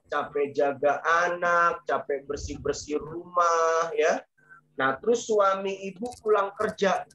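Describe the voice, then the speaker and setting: A man's voice: fairly high pitch, a bit bright, echoey room, a little hiss or hum, low-quality recording. A male pastor from Indonesia preaching a sermon, repeating key phrases and calling for responses from the congregation. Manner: acts out quoted voices of wife and husband.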